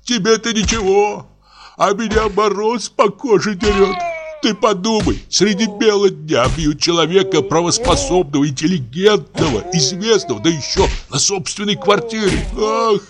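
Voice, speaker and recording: A man's voice: high voice, normal speed, music in the background, voice pushed up, close to an everyday voice. A man voicing a timid, fretful man who speaks in a plaintive, crying voice. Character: timid middle-aged man, fretful and whining.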